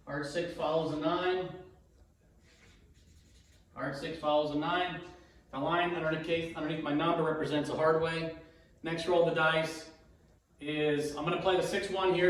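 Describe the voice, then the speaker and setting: Male demonstrator with a cold, fairly high voice, casual halting play-by-play with repeated calls, recorded in a very echoey room. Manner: halting, self-narrating, repeats each call. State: has a cold, throat-clearing. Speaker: dice betting demonstrator. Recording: very echoey room, distant mic.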